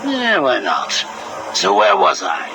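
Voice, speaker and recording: An actor playing a manic, mocking villain clown, heard played back from an old interview tape. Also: male voice, fairly low pitch, huge pitch swings, slow pace, exaggerated voice. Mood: sardonic. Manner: sarcastic, sing-song, cackling. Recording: hissy cassette tape recording.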